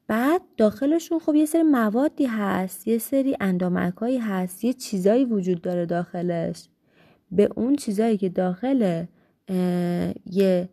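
A woman teacher walks children through a science lesson at an unhurried pace. She stretches out key words and sometimes corrects herself mid-sentence. Her voice is mellow and warm, and the recording is dry and close. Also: mid-range voice, dry recording. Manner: slow, deliberate explaining with fillers and self-corrections.

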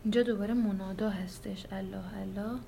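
A woman's voice: mid-range voice, fairly even intonation, gravelly, warm tone, slight background noise. Woman teacher explaining grammar. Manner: plain, explanatory, breaks sentences into parts.

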